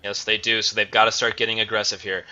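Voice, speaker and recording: A man casting a live esports match, excitable and getting loud on big plays. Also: lowish voice, fast talker, highs cut off, slight background noise. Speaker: esports caster. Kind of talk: live play-by-play commentary.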